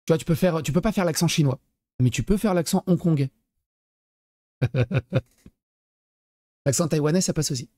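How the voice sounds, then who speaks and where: A man doing casual live-stream commentary over clips, his voice dark and mellow and fairly high for a man. He talks with sarcastic, mocking asides and reads chat messages out loud, and the sound is dry and close. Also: unhurried, long pauses, no room sound.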